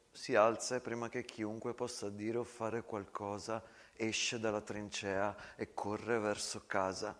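A male stage storyteller tells a war story in a hushed, grave monologue. His voice sits low and soft, the pace unhurried, every short phrase weighted. The delivery is theatrical and intimate rather than loud. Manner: hushed, slow, grave narration. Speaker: storyteller and actor.

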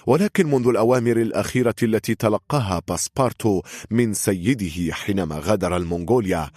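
A man narrating an audiobook in a steady, measured reading voice. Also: fairly low pitch, no room sound, clean studio sound.

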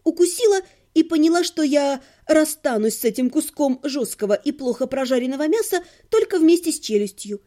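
A woman's voice: high-pitched, animated, a little fast, few pauses, dark tone. A woman reading a humorous fantasy audiobook in the first person, with a wry, ironic manner. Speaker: audiobook narrator.

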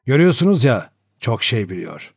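A man playing a cold, measured old judge. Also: mid-range voice, sing-song, creaky, breathy edge, no room sound, studio quality, full character voice. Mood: grave. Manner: measured, deliberate. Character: elderly male judge, cold, precise and authoritative. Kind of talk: audiobook character voice.

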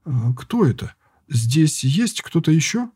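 A male reader gives voice to a boy getting over an illness. He is curious and prickly, and he snaps back when pushed. His voice is lifted and husky, with a lively rise and fall. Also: on the high side, a little slow, no echo, clean studio sound, pitched above the performer's own voice, exaggerated voice.

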